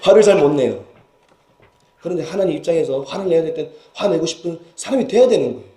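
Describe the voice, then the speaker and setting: A male pastor delivers a sermon in a church sanctuary. His voice sits high for a man, mellow in tone, and it swings widely in pitch as he presses rhetorical questions on the congregation. The room is echoey. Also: lively intonation, fast talker. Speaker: senior pastor.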